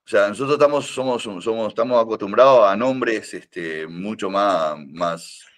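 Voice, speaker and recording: This older karate teacher, a guest on a casual podcast, talks at a normal speed in a lowish voice with a Rioplatense Spanish accent. He tends to ramble, restarting often and leaning on fillers, and he teases along the way.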